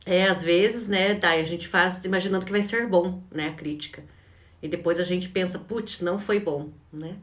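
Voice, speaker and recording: A woman's voice: on the low side, normal speed. A woman with a Brazilian Portuguese accent giving a live online class as a coach. She talks conversationally, ends nearly every phrase with a questioning tag, and often restarts her words. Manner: frequent restarts and repeated words. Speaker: behavioral coach. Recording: roomy, distant mic.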